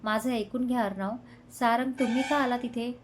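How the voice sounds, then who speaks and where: A woman reading the part of a shy, gentle young woman in a spoken love story, soft and pleading. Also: on the high side, fairly even intonation, normal speed, slight background noise, natural voice.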